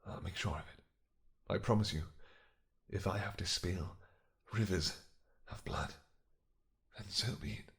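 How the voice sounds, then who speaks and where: Man playing a possessive, low-voiced vampire king. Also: measured pace, long pauses, fairly bright tone. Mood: tender, obsessive. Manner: intense, dramatic, swinging from snarls to whispers. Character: possessive yandere vampire king, lovesick and menacing. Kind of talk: romantic fantasy audio roleplay.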